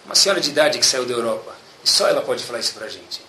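A man, giving a sermon as a religious teacher and telling stories in a lively, animated way, often checking in with his listeners. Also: mid-range voice, very fast, a little hiss or hum. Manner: keeps asking "tá bom?" as a check-in. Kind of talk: sermon with storytelling. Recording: echoey room.

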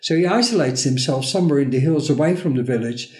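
A man with a somewhat high, mellow voice tells a parable in a relaxed podcast conversation. He slows down to act out the characters' lines, and the room around him sounds echoey. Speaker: podcast co-host.

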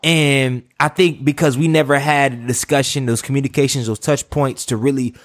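A man's voice: mid-range voice, steady tone, moderate pace, no echo. A man hosting a podcast, talking loosely with restarts and asides. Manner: rambling, many restarts and asides. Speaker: podcast host. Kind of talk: casual interview talk.

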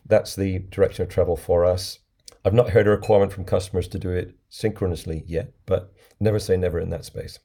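A man with a croaky, hoarse frog voice, under the weather, explaining products as a podcast guest. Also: low voice, fairly even intonation, fairly quick, dark tone. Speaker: company representative, podcast guest. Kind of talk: explanatory product pitch in an interview.

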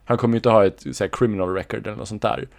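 Podcast dude, lowish voice, laid back, thinking out loud about a movie. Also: male voice, fairly even intonation, creaky, dry recording, clean studio sound. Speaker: podcast co-host. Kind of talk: casual film discussion.

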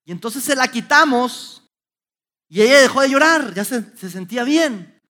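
A middle-aged man gives a motivational talk to an audience. He tells stories in an animated way, with many restarts. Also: very high-pitched, normal speed. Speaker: youth speaker.

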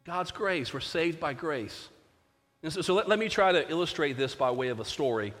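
Guy preaching a sermon, kinda higher voice, big echoey hall, earnest storytelling. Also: animated, normal speed, fairly bright tone. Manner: earnest storytelling with frequent restarts.

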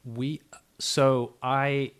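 A young man hosting a podcast, talking casually in a soft, hesitant way with many fillers. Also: mid-range voice, little pitch movement, extremely slow, smooth. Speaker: podcast host.

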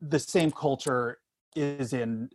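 A middle-aged man speaking candidly as an interview guest, telling personal experience in a halting way, often repeating and restarting phrases. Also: medium pitch, darkish tone.

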